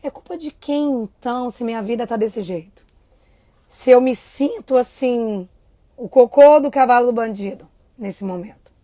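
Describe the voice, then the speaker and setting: A woman giving a motivational talk to a live audience, lively and full of questions to the crowd. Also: on the high side, moderate pace, no room sound. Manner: acts out a child's inner voice. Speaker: speaker.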